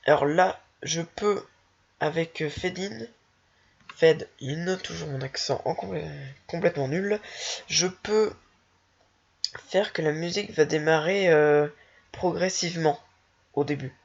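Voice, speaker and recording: A speaker casually walking through a software tutorial while thinking aloud, hesitant and self-mocking. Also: medium pitch, unhurried, long pauses. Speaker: tutorial maker. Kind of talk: casual screen-recorded software walkthrough. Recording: dull lo-fi home recording.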